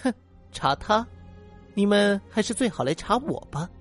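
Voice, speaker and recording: A man's voice: on the high side, lively intonation, moderate pace, faint music behind. A man voicing a sly, scheming young woman in a told ghost story, with a mocking, coaxing way of talking. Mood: coy, scheming.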